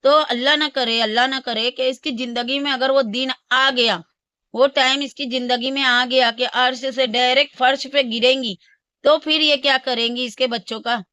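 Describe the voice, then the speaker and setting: A woman's voice: high-pitched, fairly even intonation, moderate pace, sharp tone, clear, resonant tone, no room sound. A woman hosting a reaction channel, giving casual ranting commentary in a scornful, scolding way.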